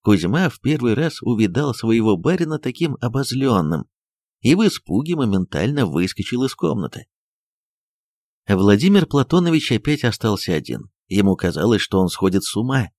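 A man narrating a novel as an audiobook, reading in an expressive, dramatic storytelling manner. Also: medium pitch, normal speed, dry recording, clean studio sound.

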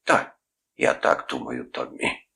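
Man reading as self-righteous uncle, preachy, very deep gravelly voice, bright edge; audiobook. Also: lively intonation, heavily acted. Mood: threatening. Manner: preachy, lecturing, drawn-out phrases. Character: pompous sanctimonious middle-aged uncle, menacing.

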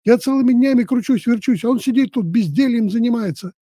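A man's voice: sits high, expressive, a little fast, dark tone, husky, no echo, studio quality. A man voicing a fretful, jealous young village wife who scolds shrilly and pleads tearfully, in a storybook reading. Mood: scolding.

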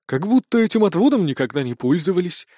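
A man voicing a cautious, serious male mage who speaks in a hushed, wary way. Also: high-pitched, very animated, fast talker, dry recording, clean studio sound.

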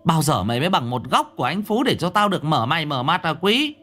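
A man voicing a village mother who scolds her son in a high, fast, shrill voice. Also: big pitch swings, sharp tone, faint music behind, full character voice. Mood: scolding.

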